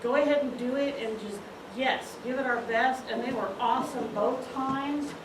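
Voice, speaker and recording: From a distance in a large room, a mic captures a high-pitched woman speaking at normal speed. She is a school play director giving an enthusiastic, encouraging, informal pre-show introduction, and the recording is roomy and noisy.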